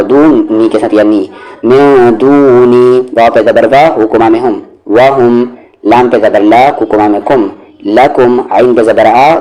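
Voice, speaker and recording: A man teaching recitation word by word, spelling out each syllable and then reciting the words slowly and drawn out. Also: fairly low pitch, warm tone, poor audio. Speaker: Quran teacher.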